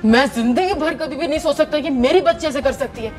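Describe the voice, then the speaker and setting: A woman's voice: high voice, fairly quick, faint music behind, natural voice. A woman voicing a stern, angry father who scolds and questions his young daughter in a doll-story role-play. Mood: angry, scolding. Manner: shouting, scolding, interrogating.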